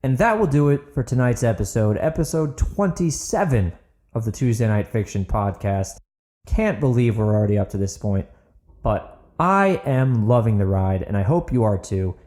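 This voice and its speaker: A man with a mid-range, darkish, expressive voice hosts a fiction podcast, speaking at normal speed. He reads his own novel dramatically as audiobook-style narration, then chats enthusiastically with listeners in a casual outro.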